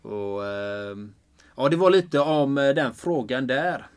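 A man speaking earnestly and enthusiastically as a life purpose coach in a relaxed conversation, often restarting his sentences. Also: medium pitch, clear, resonant tone. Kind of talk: casual conversation.

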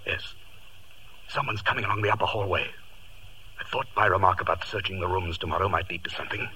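Shrewd detective, bossy clipped delivery, bright voice, old radio play with some hiss. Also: male voice, sits low, quick pace. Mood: hushed, watchful. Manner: clipped, authoritative, deductive. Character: shrewd, commanding gentleman detective. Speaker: radio actor. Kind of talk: 1940s radio acting. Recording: noisy 1940s radio recording.

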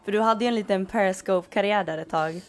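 A woman chimes in during a relaxed podcast chat. She sounds playful and gently teases the guest. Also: medium pitch.

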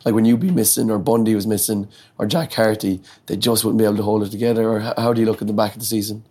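A man's voice: lowish voice, fairly even intonation, rapid-fire, mellow, breathy edge. An Irish man co-hosting a casual sports interview and putting questions to a guest. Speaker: studio co-host putting questions.

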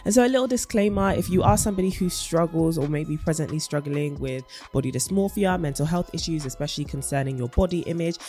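A woman co-hosts a podcast with a cold, sniffling now and then between upbeat, emphatic announcements. She speaks in a relaxed, chatty way while soft music plays faintly underneath. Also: low voice, fast, few pauses. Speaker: podcast co-host. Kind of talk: casual chat.

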